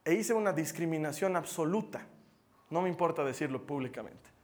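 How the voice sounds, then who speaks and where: A man's voice: on the high side, lively intonation, brisk. A man preaching a sermon to a congregation. He is emphatic, repeats key phrases and asks rhetorical questions.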